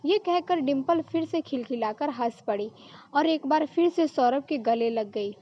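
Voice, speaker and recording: A woman narrating a story in a steady, plain telling style. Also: high-pitched, measured pace, highs cut off, slight background noise.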